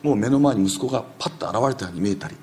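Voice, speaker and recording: A male preacher with a low, gravelly voice tells a rapid story-driven sermon against faint room noise. He's animated, acting out quoted voices and sometimes dropping to a whisper.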